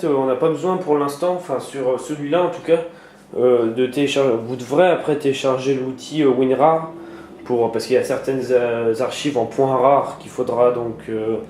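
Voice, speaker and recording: This tutorial maker narrates his on-screen computer work in a mid-range, darkish male voice. He is hesitant, full of fillers and false starts, and the recording carries room echo and faint noise.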